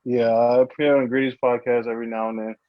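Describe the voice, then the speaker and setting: A man's voice: medium pitch, little pitch movement, fast talker, dry recording, lo-fi sound. Easygoing man guesting on a podcast. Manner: easygoing, blunt, swears. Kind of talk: casual chat.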